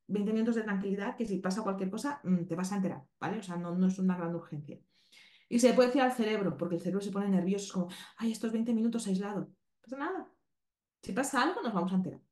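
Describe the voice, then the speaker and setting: A woman's voice: medium pitch, a little mellow. Woman from Spain teaching in an echoey room. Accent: Spain Spanish. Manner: explanatory, checks in with listeners often. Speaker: animal communication teacher. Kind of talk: podcast lesson. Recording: roomy echo.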